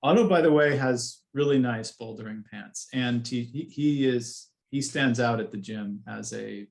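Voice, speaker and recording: A man's voice: mid-range voice, a little slow, gravelly. A man hosting a podcast, talking in a loose, rambling way with many asides during a casual conversation. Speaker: podcast host.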